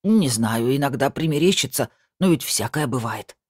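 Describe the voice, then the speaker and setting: A man's voice: mid-range voice, expressive, moderate pace, dry recording, clean studio sound, natural voice. A narrator voicing a nervous, shaken elderly woman over sixty. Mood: unsure. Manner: nervous, unsure.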